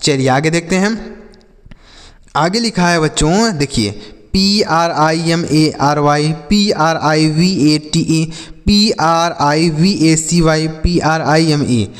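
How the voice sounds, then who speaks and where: A man with a slightly raised voice leads an English phonics lesson like a teacher in front of a class. He spells words out slowly, letter by letter, and keeps asking what they read. A long reverb trails behind his speech. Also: a little high. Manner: repetitive call-and-response questioning.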